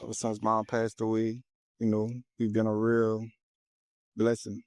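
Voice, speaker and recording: Young man, mellow tone, flat delivery, soft-spoken, dry recording. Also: lowish voice, unhurried, no echo. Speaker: musician, guest. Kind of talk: casual interview talk.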